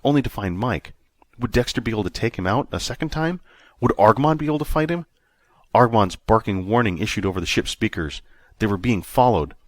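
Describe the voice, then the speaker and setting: A man narrating a sci-fi audiobook in a steady, measured storytelling manner. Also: lowish voice, dry recording. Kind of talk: scripted narration.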